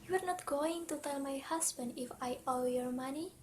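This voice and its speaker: A woman's voice: high-pitched, normal speed, a little mellow, slight background noise, lightly acted. A woman playing an anxious, defensive wife with a secret debt, in an earnest, theatrical dramatic reading. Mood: alarmed, defiant. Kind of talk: amateur dramatic reading of a stage play.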